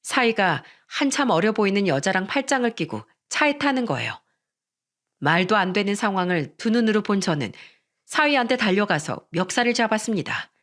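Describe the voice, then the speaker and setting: A woman's voice: medium pitch, normal speed. Woman narrating a dramatized listener story. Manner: steady first-person storytelling.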